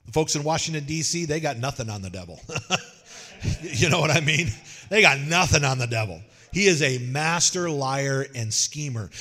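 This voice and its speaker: A man preaching a sermon in a folksy, joking way, telling animated stories. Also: a little high, long reverb tail. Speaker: pastor.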